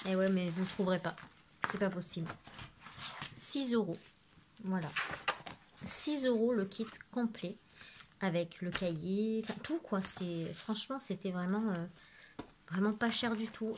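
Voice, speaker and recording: A woman talks through a craft haul at home, filming herself on her phone. Her speech is casual and meandering, full of hesitations and little fillers. Her voice sits at an ordinary pitch, with a faint hiss of background noise. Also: a little mellow. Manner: chatty, rambling with frequent fillers and "voilà". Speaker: craft vlogger. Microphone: phone camera.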